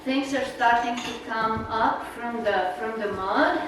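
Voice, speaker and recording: Speaking unhurriedly at a fairly high pitch with a fairly bright tone, a Czech-accented woman from the Czech Republic rambles casually through slides for a naturalist club. Her manner is chatty, loaded with fillers and laughter. The meeting room recording is noisy and full of echo, her voice distant.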